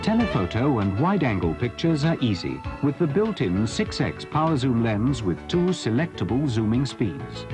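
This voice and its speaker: A man reading a scripted product voice-over in a smooth, measured manner, heard from an old VHS tape. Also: medium pitch, big pitch swings. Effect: old VHS tape audio. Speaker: promotional narrator. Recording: voice-over over loud music. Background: loud backing music.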